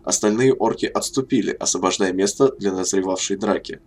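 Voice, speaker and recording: A man reading a fantasy novel aloud as narrator, in a steady, measured way. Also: low-pitched. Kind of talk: audiobook narration. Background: faint music.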